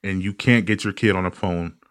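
Ranting profane man with low voice. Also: fairly quick. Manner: profane, ranting, animated storytelling. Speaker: podcast host. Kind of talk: casual comedic podcast monologue.

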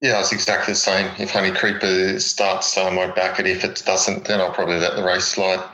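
A man's voice: sits low, little pitch movement, a little fast, pushed and bright, a little hiss or hum, poor audio. An Australian man giving horse racing tips and analysis in a casual, matey, plain-spoken chat. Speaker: horse racing tipster, co-host.

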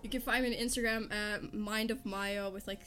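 A woman guest on a podcast, speaking softly and haltingly in casual chat. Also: medium pitch, steady tone, soft background music.

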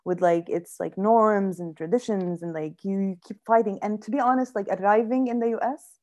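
In a mid-range, darkish voice at a moderate pace, a young adult actress from Syria shares her story earnestly as an interview guest. Arabic is her first language, and she often repeats words while looking for them.

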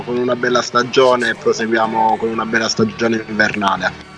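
Young southern Italian man, flat-toned guest. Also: fairly low pitch, moderate pace. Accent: southern Italian, Pugliese. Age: young adult. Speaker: club DJ and music producer, radio guest. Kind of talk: casual interview chat. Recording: background music, remote link.

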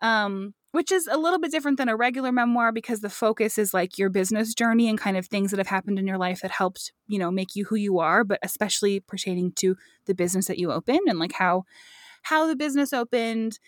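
A woman's voice: medium pitch, fast talker, dry recording, studio quality. A woman chatting casually as a gushing, giggly podcast co-host, recorded inside a closet. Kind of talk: casual chat. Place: inside a sizable home clothes closet.

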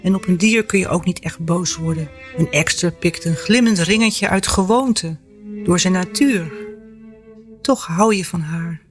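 A woman author reading from her own novel, then talking about the memories behind it in a lively, storytelling way. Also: fairly low pitch, unhurried, faint music behind. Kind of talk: novel reading and personal reflection.

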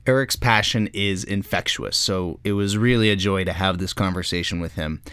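Low-voiced male podcast host, dry sound. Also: fairly even intonation, moderate pace, a bit bright, smooth, no room sound. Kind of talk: scripted intro, then interview chat.

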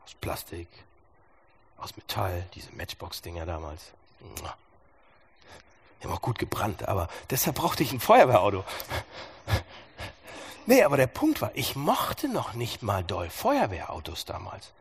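A man preaching a sermon, animated and sarcastic, asking his listeners questions as he goes. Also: fairly low pitch, a little slow, creaky, pauses often, breathy edge.

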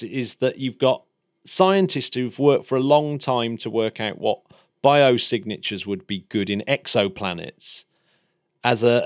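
A man's voice: medium pitch, dry recording. Chatty man explaining science, dry sound. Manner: hesitant, lots of restarts and hedging. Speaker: podcast co-host. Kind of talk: casual science chat.

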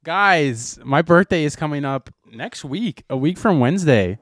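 Young male podcast co-host, teasing, animated delivery, dry mic. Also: fairly high pitch, unhurried, no echo. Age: 20s. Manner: joking, teasing. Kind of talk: casual chat.

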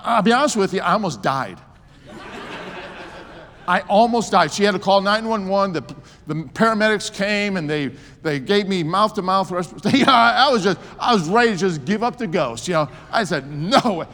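A man's voice: high-pitched, pushed and bright. A man in his sixties preaching a sermon with emphasis and joking asides. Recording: long hall reverb.

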